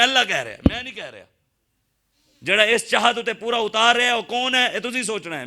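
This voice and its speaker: A man preaching a fiery sermon, his Punjabi accent strong in every phrase. His voice sits a little high and cuts through with a very sharp, forceful edge. He keeps pressing his listeners with rhetorical questions. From Pakistan. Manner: impassioned, rhetorical questions to the crowd.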